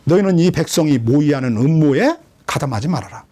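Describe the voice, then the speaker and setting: A man's voice: fairly high pitch, a little fast. A man preaching an expository sermon as a pastor, questioning his listeners and acting out quoted lines. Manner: lively, questioning the congregation, dramatic quoted voices.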